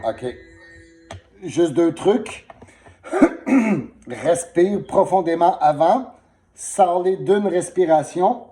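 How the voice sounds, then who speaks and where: A man's voice: high voice, animated, drawn-out words, long pauses, warm tone. A man giving a patient singing lesson, coaching and demonstrating vowels while coughing through a sore throat. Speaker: singing teacher. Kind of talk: one-on-one voice lesson.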